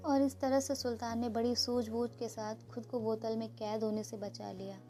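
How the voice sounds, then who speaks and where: A woman storyteller narrating a storybook tale in a steady, expressive manner. Her voice is mellow and a little high. A faint music bed plays under her reading. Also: normal speed.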